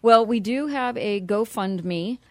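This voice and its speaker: A woman's voice: mid-range voice, no echo. A woman, a nonprofit director, talking earnestly as a guest in a radio interview. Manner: earnest, spells things out slowly.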